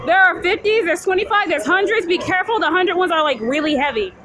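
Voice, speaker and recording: A female vlogger chatters at a very high pitch, fast and excitable, coaching her friends along as they play arcade games. She records on a handheld phone in a busy arcade, with loud music, crowd noise and general bustle behind her.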